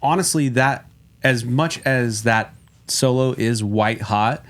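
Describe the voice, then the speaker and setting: An enthusiastic man co-hosting a relaxed podcast. He gushes freely in a casual, friendly way. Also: mid-range voice, slow. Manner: enthusiastic, gushing. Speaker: podcast co-host. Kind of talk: casual chat.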